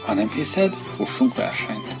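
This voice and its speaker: A man's voice: high-pitched, huge pitch swings, music in the background, voice pushed up, full character voice. A man doing a hissing, scornful snake. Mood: proud. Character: proud sly male grass snake, scornful.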